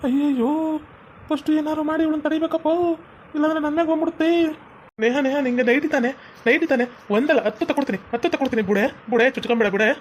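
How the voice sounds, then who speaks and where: A woman's voice: high voice, fast talker, a little hiss or hum, close to an everyday voice. A woman playing a broke young village husband who whines and pleads, with a North Karnataka Kannada accent. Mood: pleading. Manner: whiny pleading.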